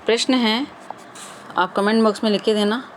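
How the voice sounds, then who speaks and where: A woman's voice: fairly high pitch, steady tone, normal speed, a little hiss or hum. A woman teacher running an exam-prep grammar lesson, quizzing viewers and repeating the answers.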